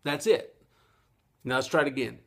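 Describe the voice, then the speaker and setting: A man's voice: medium pitch, moderate pace, gravelly, a bit bright, slightly rough. A middle-aged man, giving a casual, folksy ukulele lesson and laughing at his own jokes. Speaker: ukulele teacher.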